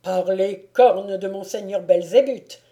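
A domineering baron barks scornful orders in an audiobook, voiced by a woman. The delivery is loud and commanding, slow-paced and warm in tone. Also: mid-range voice, close to an everyday voice. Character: domineering noble man, a mocking baron-huntsman. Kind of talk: audiobook reading.

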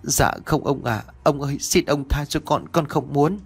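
A man's voice: fairly high pitch, normal speed, vocal fry, slightly rough, soft background music, pitched above the performer's own voice. A man voicing a terrified young servant girl who cries and begs for mercy. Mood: pleading. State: crying, pleading.

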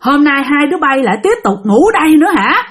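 Woman doing a shrill angry old soldier ghost. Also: sing-song, fairly quick, a bit bright. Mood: furious scolding. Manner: scolding, shrill and tearful.

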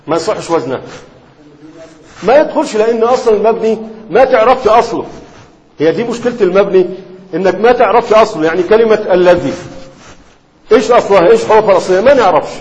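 A man's voice: sits high, darkish tone. A man with an Egyptian Arabic accent teaching a classroom lesson on Arabic morphology, often stopping to ask his students if they follow. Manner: keeps checking students' understanding with quick questions. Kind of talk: classroom lecture. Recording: reverberant hall, dull lo-fi sound.

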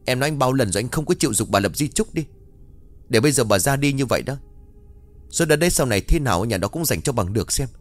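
A man's voice: mid-range voice, expressive, lightly acted. A man voicing a greedy young wife who nags her husband in a raised, reproachful voice. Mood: scolding. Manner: nagging, reproachful, fast and raised.

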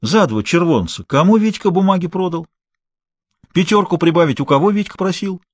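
A hard, unhurried criminal boss who speaks in short, clipped orders, as a man puts him on. His voice sits somewhat lower and slower than the reader's own. Dry, close sound. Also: animated, no room sound. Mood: cold. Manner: curt, clipped commands. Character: cold, menacing male gang boss, curt and unhurried.

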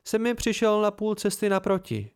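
A man voicing a sharp-tongued, teasing young woman in a storybook reading, raising his voice into a higher, mocking tone. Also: big pitch swings, gravelly, clear, resonant tone, heavily acted. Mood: amused, teasing. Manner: mocking, playful.

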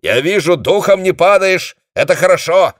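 A man voicing a battle-worn male battalion captain who shouts orders urgently. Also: medium pitch, animated, slow pace, slightly rough, no echo, studio quality, voice pushed up, full character voice. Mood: commanding. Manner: shouting, commanding.

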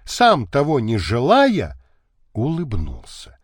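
A man narrating a historical novel as an audiobook, measured and expressive. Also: mid-range voice, slightly rough, no echo, clean studio sound.

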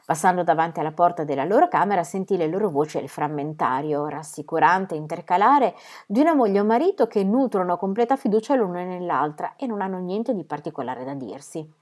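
A woman narrating a novel as an audiobook reader, with a measured, expressive delivery. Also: on the low side. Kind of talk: scripted literary narration.

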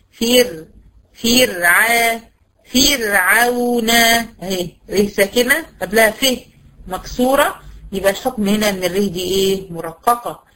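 The audio is poor, but it carries a woman's mid-range, somewhat bright voice with an Egyptian Arabic accent as she teaches tajweed. This Quran recitation teacher asks and answers her own questions and drills sounds with slow patience.

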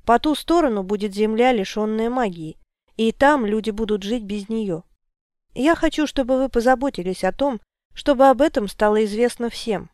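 A calm, commanding male wizard, read by a woman narrator in an audiobook. He lays out his plans with firm, solemn declarations. The voice is smooth and clear, somewhat high, in a dry close recording. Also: moderate pace, no room sound, close to an everyday voice. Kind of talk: audiobook character reading.

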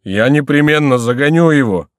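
A man's voice: fairly low pitch, expressive, normal speed, dry recording, clean studio sound. A man doing a whining, breathless monk. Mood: panicked whining. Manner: whining, complaining. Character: plaintive, cowardly monk on a donkey.

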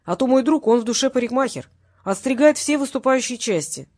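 A cocky, mocking male tough guy, put on by a woman narrator in an audiobook. His voice sits high and loud above her usual reading and bounces around as he makes cheerful threats. There is a husky edge to it. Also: animated, a little fast.

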